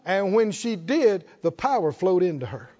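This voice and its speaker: A man's voice: high voice, big pitch swings, normal speed, mellow, lo-fi sound. A male pastor preaching a sermon, emphatic, prompting the congregation with short questions.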